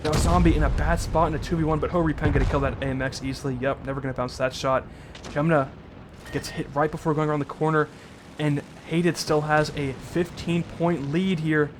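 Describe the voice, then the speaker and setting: A man's voice: on the high side, level tone, brisk, background noise. A young man giving casual, rambling play-by-play commentary on a tank game match, often correcting himself. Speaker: caster.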